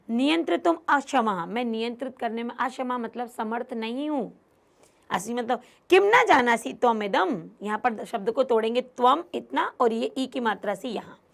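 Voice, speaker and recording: High, gravelly woman teacher. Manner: reads lines aloud, then explains them word by word; acts out the characters' lines in a livelier voice. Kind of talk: online lesson explaining a Sanskrit text.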